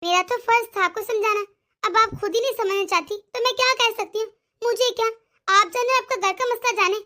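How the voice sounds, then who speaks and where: Brief: woman doing a whiny cartoon daughter, young and meddling, sharp high-pitched scolding. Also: fairly even intonation, brisk. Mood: sulky. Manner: sulky, scolding, dramatic. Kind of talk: animated cartoon voice acting.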